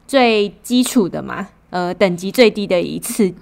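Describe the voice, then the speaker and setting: A young woman chats casually on a podcast. She tells a travel story with lively energy, acts out each quoted line and drops the odd swear word. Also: medium pitch, a little slow, vocal fry. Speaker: podcast co-host.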